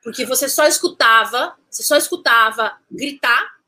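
A woman, recounting a personal story as an interview guest, animated, restarting phrases and acting out what people said. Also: on the high side, normal speed. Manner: animated, restarts phrases, acts out quoted speech.

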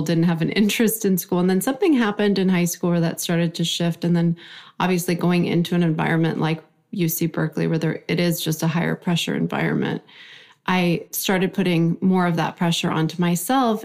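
An Iranian woman in her forties, a native Farsi speaker, reflects on her life story as a guest in a conversational interview. Her voice sits on the low side, gravelly and a little mellow.

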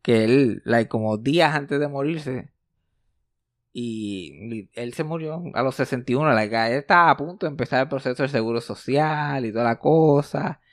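A man's voice: medium pitch, normal speed, dry recording, studio quality. A young man with a Puerto Rican accent, telling a joking family anecdote in a casual chat. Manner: animated, joking, tumbling anecdotes.

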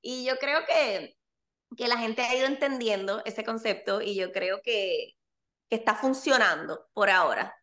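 A woman in her forties chatting as an interview guest, her voice bright and a little high. She talks fast and lively and slips into quoted voices as she tells her stories. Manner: animated, rapid, acts out quoted voices. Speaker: guest, content creator. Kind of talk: casual interview chat.

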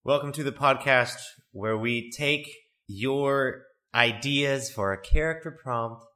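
A man's voice: medium pitch, pushed and bright. A man co-hosting a tabletop podcast with joking, profane banter, his voice echoing as if in a cave from a bare, newly moved-into room. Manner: joking, profane, quick to laugh. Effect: hollow cave-like echo from a bare new room. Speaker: podcast co-host running a character-building game. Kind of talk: casual banter while rolling dice. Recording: echoey bare room, no setup.

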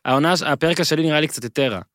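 A man co-hosting a podcast in casual chat, rambling and gushing with excited repeats. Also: on the high side, no echo, studio quality. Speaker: podcast co-host.

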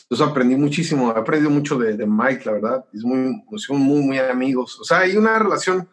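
In a casual interview, a middle-aged pastor and musician with a Mexican accent speaks quickly in a mid-range voice. He tells his story animatedly, reenacting the conversations involved.

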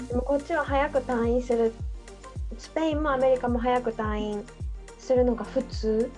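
A woman co-hosts a casual podcast chat in a high voice, teasing her partner and tossing out quick jokes. Faint music plays softly in the background. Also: steady tone. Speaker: podcast co-host.

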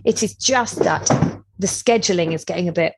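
A woman's voice: on the low side, normal speed, breathy edge. A woman co-hosting a podcast, chatting casually with giggly, self-mocking banter. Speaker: podcast co-host. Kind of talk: casual chat.

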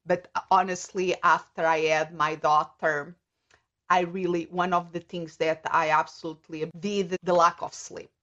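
Middle-aged Portuguese-accented woman, a native Portuguese speaker, as an interview guest; thoughtful, a bit low in pitch, dull lo-fi recording. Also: level tone, fairly bright tone. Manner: thoughtful, measured, searching for words. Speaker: guest, coach. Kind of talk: casual interview.

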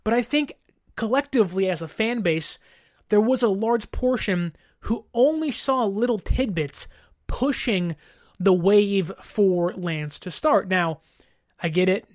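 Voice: medium pitch, a little slow, dry recording. A sports commentator giving a casual football monologue, conversational, often checking in with the listener and voicing imagined fan remarks, recorded close to the microphone.

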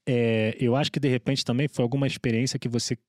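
A man's voice: medium pitch, steady tone, quick pace, no echo. Male Brazilian podcast host, mid-range voice, very dry sound, informal and conversational, circles into his questions. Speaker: podcast interviewer. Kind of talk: casual conversational interview.

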